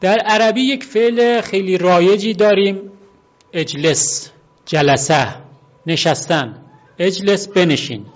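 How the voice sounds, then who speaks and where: A man giving an unhurried, explanatory talk on word origins, often pausing to repeat and spell out words. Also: high voice. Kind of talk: explanatory monologue. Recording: dull lo-fi recording.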